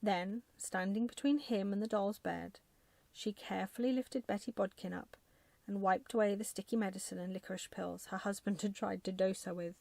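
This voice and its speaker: A woman narrating a bedtime story in a soft, gentle, measured ASMR style. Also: mid-range voice, fairly even intonation, gravelly, no room sound.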